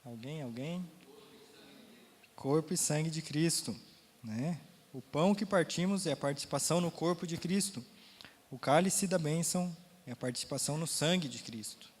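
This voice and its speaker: A man's voice: fairly high pitch, moderate pace, slightly rough, big-room sound. A man with a Brazilian Portuguese accent teaching a Sunday school Bible lesson, talking casually, quizzing the class, his throat a little sore.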